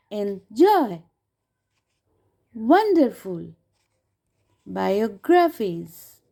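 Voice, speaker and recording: A woman's voice: sits high, dark tone. A woman with a Bangladeshi accent, an English teacher explaining a lesson and repeating each English line in Bengali.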